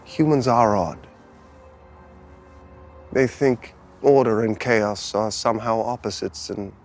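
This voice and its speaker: A man speaking in a calm, solemn, measured way in a film clip. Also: fairly low pitch, voice pushed down. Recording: film audio with music.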